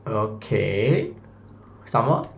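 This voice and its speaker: Extremely slow yet very animated, this science teacher in his thirties speaks Malaysian English in a fairly low voice with vocal fry. He chats through revision, questioning his students and saying "lah" and "mah." The space is reverberant, with slight background noise.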